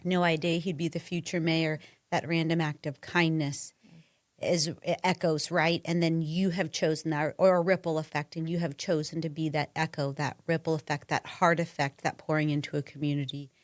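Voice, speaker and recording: A woman's voice: deep voice, little pitch movement, moderate pace, dry recording, studio quality. A woman with a Midwestern American accent hosting a podcast interview, encouraging and affirming her guest. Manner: warmly encouraging, with affirming murmurs. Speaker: podcast host.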